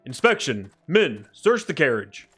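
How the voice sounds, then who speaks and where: A man's voice: medium pitch, very animated, unhurried, a bit bright, slightly rough, soft background music, exaggerated voice. A man voicing a stern, threatening male guard captain with clipped commands. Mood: commanding.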